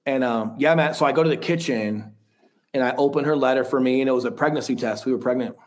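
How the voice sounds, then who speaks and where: A man's voice: mid-range voice, quick pace. A man in his thirties, a podcast guest, telling a personal story in a frank, rambling way with casual swearing.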